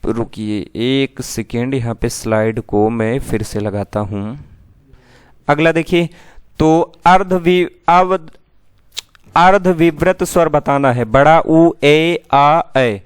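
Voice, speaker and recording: A man's voice: fairly high pitch, slow, clean tone, dry recording. A man teaching an exam-prep lesson who asks his students questions and then answers them himself.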